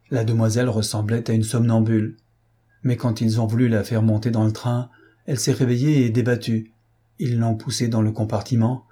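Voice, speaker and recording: A man voicing an excited rustic male gardener, reporting eagerly and breathlessly. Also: medium pitch, slightly rough, natural voice.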